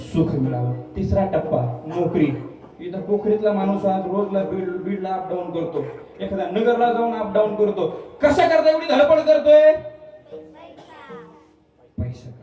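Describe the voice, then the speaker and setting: A man's voice: high voice, moderate pace, warm tone. A man preaching a devotional kirtan sermon in a festival pandal, firing questions at the crowd and repeating phrases in a call-and-response cadence. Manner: fires questions at the crowd, urging answers. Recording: echoey PA from far off, with music.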